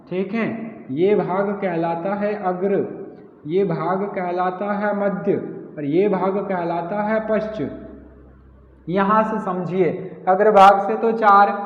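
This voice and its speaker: A man teaching a grammar lesson, asking the class questions and answering them himself, repeating key words. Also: high voice. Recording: echoey hall, tinny phone-like sound.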